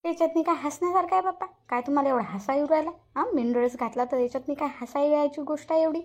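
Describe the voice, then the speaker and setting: A touchy, scolding elderly village woman from a cartoon comedy, voiced by a woman. She talks high and fast. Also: a little mellow, natural voice. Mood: indignant. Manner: indignant, scolding. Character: touchy elderly village woman Shantabai, proud of her dress. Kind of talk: cartoon voice acting.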